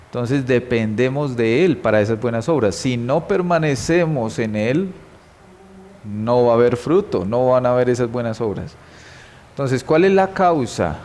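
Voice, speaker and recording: A man's voice: mid-range voice, lively intonation, normal speed, darkish tone, slight background noise. A man with a Colombian Spanish accent teaching a church Bible class, reading scripture and quizzing the class with questions and repeated key words.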